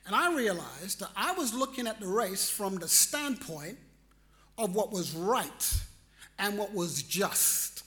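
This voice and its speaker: Animated male storyteller. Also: high voice, slow. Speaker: speaker telling a personal story. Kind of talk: storytelling talk.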